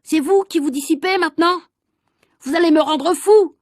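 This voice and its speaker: Woman doing a fed-up school supervisor, scolding, loud, high voice, dry close sound. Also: moderate pace, no room sound. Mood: exasperated. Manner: exasperated scolding, raised voice. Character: stern male school supervisor, short-tempered.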